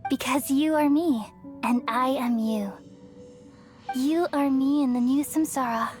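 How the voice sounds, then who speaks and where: A woman playing a serene, ancient goddess of wisdom in a video game, speaking in a measured, formal and gentle way. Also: high voice, faint music behind. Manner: measured, formal, explanatory delivery. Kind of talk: video game story dialogue.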